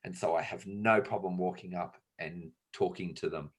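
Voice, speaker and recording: A man's voice: deep voice, normal speed, breathy edge. A man with an Australian accent co-hosting a casual comedy chat, telling jokey stories and acting out quotes. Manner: animated, jokey storytelling with acted-out quotes. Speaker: co-host.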